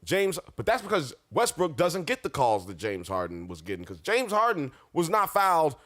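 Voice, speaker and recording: A man's voice: a little high, wildly swooping pitch, moderate pace, a bit bright. A man in his thirties co-hosting a casual sports podcast, emphatic and repeating his points, swearing freely. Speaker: podcast co-host.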